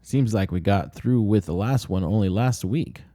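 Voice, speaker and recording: A man voicing a folksy, good-natured middle-aged village housewife in a storybook, with drawn-out delivery. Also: fairly low pitch, mellow, dry recording, clean studio sound, voice pushed up, lightly acted. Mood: chatty.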